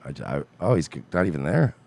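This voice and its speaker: A man's voice: very deep voice, sing-song, fast talker, vocal fry, darkish tone. A man co-hosting a crude comedy podcast, making sardonic, swearing wisecracks while watching clips. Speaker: podcast co-host. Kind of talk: crude comedic reaction chat.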